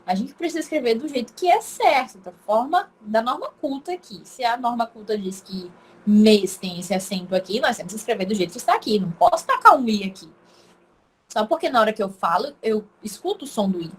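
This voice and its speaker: A woman's voice: a little high, expressive, fairly quick, breathy edge, low-quality recording. A Brazilian woman with an Acre accent teaching an informal online language lesson, chatty and emphatic, repeating words aloud to show how they are said. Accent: Brazilian Portuguese, Acre.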